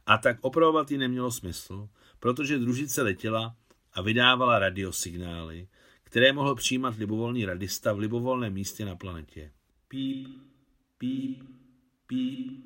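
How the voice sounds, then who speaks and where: A man, the translator of a novel, giving a measured, even reading of it aloud. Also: medium pitch. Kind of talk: literary audiobook reading.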